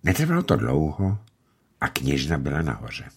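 A man reading a classic story aloud to children as narrator, telling it in a warm storytelling way. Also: rumbling low, wildly swooping pitch, husky.

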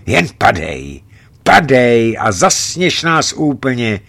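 A man's voice: medium pitch, very animated, gravelly, fairly bright tone, full character voice. A man voicing an earnest young soldier speaking seriously and tenderly to the woman he loves.

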